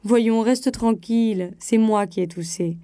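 A woman voicing a tired husband who answers flatly and wants peace. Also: medium pitch, normal speed, no room sound, close to an everyday voice. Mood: impatient. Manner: flat and resigned. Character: weary, teasing husband in bed.

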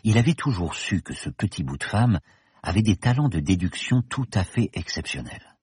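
A man narrating an audiobook in an even storytelling delivery. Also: deep voice, moderate pace, breathy edge, dry recording, clean studio sound.

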